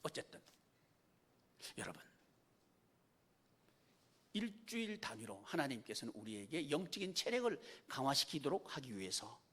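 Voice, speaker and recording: A male pastor preaching a Sunday sermon in church. He asks rhetorical questions, prompts the congregation for amens, and swings from loud calls to hushed, near-whispered lines. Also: mid-range voice, sing-song, normal speed, long pauses, husky. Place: church sanctuary.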